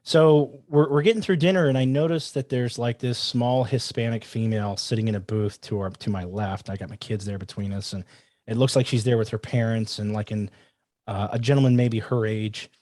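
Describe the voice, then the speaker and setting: A man with a middle-pitched voice tells a casual story in a lively way, acting out his own thoughts and what others said. The sound is dry and close, with no room echo. He talks like a self-defense trainer sharing a lesson from life. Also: brisk. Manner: animated, quotes himself and others in asides. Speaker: firearms trainer guest.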